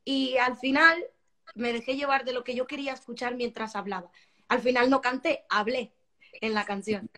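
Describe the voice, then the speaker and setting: A woman singer talking about her album in a casual interview, animated and expressive, often repeating words as she searches for them. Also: a little high, moderate pace. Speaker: singer-songwriter guest.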